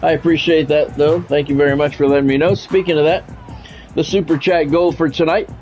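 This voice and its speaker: Fairly high-pitched yet darkish, the steady voice of an American man moves a little fast as he calls a football video game live. His phrasing is short and clipped, radio-sportscaster style, with casual chat to stream viewers, recorded through a dull lo-fi mic with music behind.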